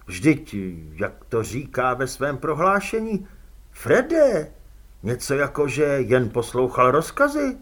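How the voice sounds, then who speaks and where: A man reading an audiobook, voicing a calm male police commander who talks slowly with quiet, probing irony. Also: mid-range voice. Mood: coaxing. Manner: slow, quietly ironic, probing.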